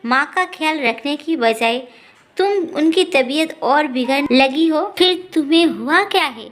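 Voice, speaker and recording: A quick-tempered young husband scolding his wife, as a woman storyteller voices him. The voice stays high, the woman's own register barely shifted for the man. It comes from a homespun family story told aloud. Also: animated, fairly bright tone. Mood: angry.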